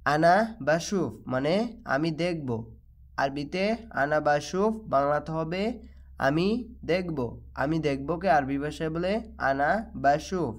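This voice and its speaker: A man with a Bangladeshi Bengali accent teaching a language lesson, repeating each phrase slowly and deliberately. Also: on the high side, animated. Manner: slow, repetitive drilling of phrases. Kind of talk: slow spoken language lesson.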